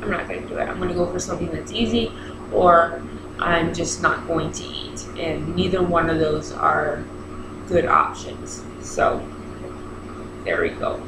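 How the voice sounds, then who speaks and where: A woman's voice: fairly low pitch, a little slow. Woman talking with braces, echoey noisy room. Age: 30s. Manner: rambling, self-interrupting, animated retelling with quoted dialogue. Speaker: vlogger. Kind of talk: casual chat to camera. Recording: echoey room with clear background noise.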